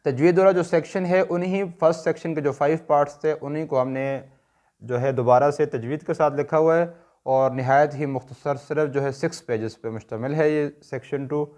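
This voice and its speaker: A man's voice: fairly high pitch, steady tone, brisk, darkish tone. A man with a Pakistani Urdu accent teaching a tajweed lesson, patiently asking questions and answering them himself. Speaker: Quran recitation teacher.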